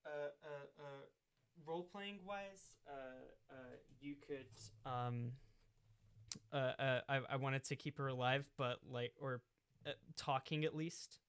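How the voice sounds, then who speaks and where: A game master narrating a tabletop game, rambling through fillers as he describes the scene. His voice is bright and forceful, picked up close and dry by a desk mic with no room sound. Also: mid-range voice, slow pace, clear, resonant tone, no echo. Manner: rambling, many fillers, bursts into loud shouted character lines.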